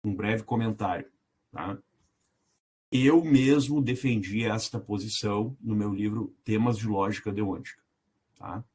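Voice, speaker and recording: A man's voice: fairly low pitch, measured pace, a little mellow, breathy edge. A middle-aged man, a professor explaining a reading to a seminar group and often checking in with "tá?". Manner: explanatory, frequent "tá?" check-ins, reads aloud from text. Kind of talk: online seminar lecture.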